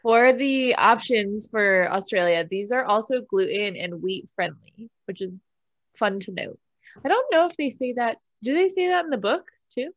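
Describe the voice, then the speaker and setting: A woman's voice: a little high, moderate pace, no room sound. Young woman on a dull, lo-fi mic. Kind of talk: casual chat.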